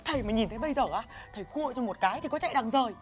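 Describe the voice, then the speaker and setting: An actress playing a timid young daughter who pleads anxiously, in a comedy film. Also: female voice, fairly high pitch, expressive, very fast, close to an everyday voice. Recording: comedy film with music behind.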